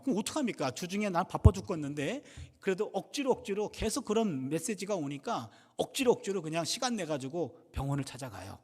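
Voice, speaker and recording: Lively, high-voiced preacher in a reverberant church. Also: male voice. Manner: humorous, storytelling with acted-out dialogue. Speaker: pastor and professor. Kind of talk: sermon at a revival service. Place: church sanctuary. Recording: long reverb of a church hall.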